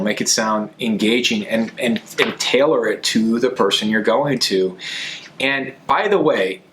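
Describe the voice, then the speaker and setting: A man's voice: mid-range voice, fairly bright tone. Emphatic man giving conversational sales advice. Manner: emphatic, repeats key phrases for stress. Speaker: podcast host and sales coach.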